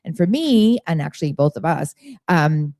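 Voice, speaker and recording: A woman's voice: low-pitched, animated, moderate pace, dark tone, no echo, clean studio sound. A woman hosting a radio interview show, speaking earnestly and with emphasis. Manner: earnest, emphatic, talks of faith. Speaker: radio host. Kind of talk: casual interview.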